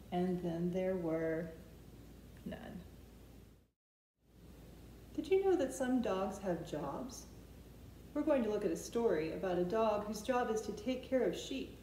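A middle-aged woman with a warm, mid-range voice runs a preschool storytime from the open living room and kitchen of her home, guiding small children step by step through rhymes and counting. A camera mic a few feet away captures her in an echoey room with faint background noise.

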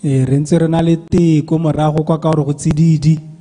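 A man's voice: a little high, flat delivery, a little fast, dark tone. A young man giving a live interpretation of a sermon in a church hall, echoing each phrase promptly into a handheld microphone. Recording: hall reverb.

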